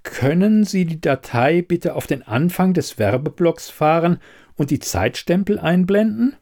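A man voicing a curt, sharp woman investigator. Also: on the high side, expressive, unhurried, pitched above the performer's own voice. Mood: explaining. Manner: curt, pointed questioning.

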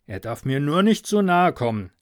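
A man voicing a boisterous, superstitious farmer who is easily fooled, speaking loudly and excitably in a dry recording. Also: a little high, moderate pace, dry recording. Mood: boastful.

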